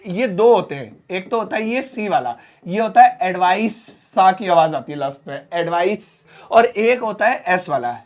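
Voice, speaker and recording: A young Indian man teaches a spoken English lesson in a fairly high voice. He breaks English example sentences into slow, separate words so students can follow. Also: lively intonation. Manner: explains slowly, spelling out English example sentences word by word.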